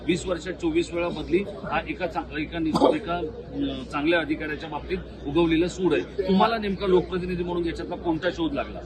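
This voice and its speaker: A male field reporter asks probing questions outdoors, pausing briefly now and then. His voice is a touch high. A loud crowd fills the background. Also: low-quality recording.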